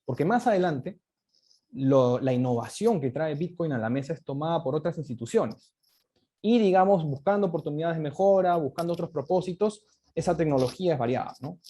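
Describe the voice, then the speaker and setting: A man's voice: a little high, animated, a little fast, warm tone. A man giving a lecture with slides, explaining step by step and often ending points with a tag question. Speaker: guest speaker on crypto economics.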